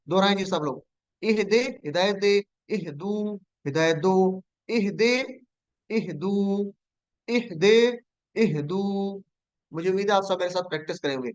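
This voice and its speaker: A man's voice: sits high, clear, resonant tone, no echo. A man teaching an online class, leading call-and-response drills and patiently inviting students to answer.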